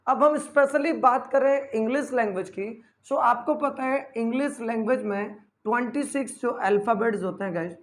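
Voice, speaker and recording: A man's voice: very high-pitched, normal speed, few pauses. A man, an English teacher giving an online spoken-English lesson. He explains patiently, keeps addressing his students as "guys" and spells out example words letter by letter.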